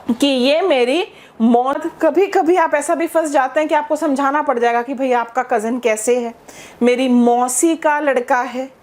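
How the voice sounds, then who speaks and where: Female English teacher, high voice, drawls model phrases slowly and rattles through explanations, keeps checking with the class. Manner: slow, spelled-out model phrases between quick explanations. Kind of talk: spoken English lesson.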